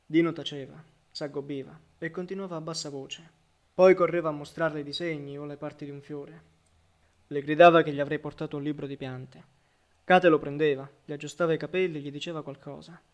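A man narrating a literary audiobook in a measured, reflective way. His voice sits a little high for a man, and phrase endings drop softly and quietly. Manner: measured, reflective reading with soft trailing endings.

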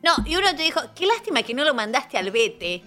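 A woman's voice: sits high, very animated, fairly quick, bright, forceful tone, soft background music. A woman with an Argentine accent co-hosting a radio show, chatting casually and backing up her co-host. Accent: Argentine Rioplatense Spanish. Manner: chatty, backs up her co-host and reads out the phone number.

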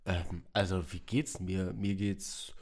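A young man co-hosting a podcast in casual chat, talking in a dry, grumbling deadpan. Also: deep voice, slow. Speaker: podcast co-host.

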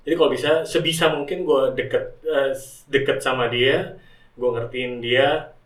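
A man's voice: mid-range voice, steady tone, unhurried, fairly bright tone. A middle-aged man chatting casually as a podcast guest, slangy and informal, often acting out the advice he gives. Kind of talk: casual chat. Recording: roomy echo, distant from mic.

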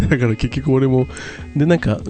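A man's voice: mid-range voice, darkish tone. A man chatting casually and telling an anecdote, acting out bits of remembered dialogue in casual slang. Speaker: radio talk show co-host. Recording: guitar music in the background. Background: guitar music.

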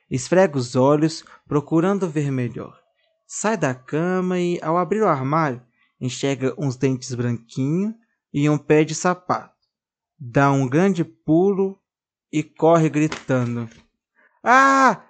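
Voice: mid-range voice, darkish tone. Narrador brasileiro de história infantil. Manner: leitura expressiva e pausada.

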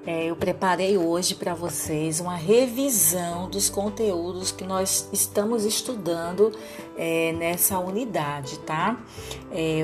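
A woman talks young pupils through a review lesson. She explains step by step and stops often to check that they follow. Her pitch rises and falls a lot, and faint music plays underneath. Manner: patient and explanatory, with frequent check-ins. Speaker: primary school teacher. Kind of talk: remote lesson to children.

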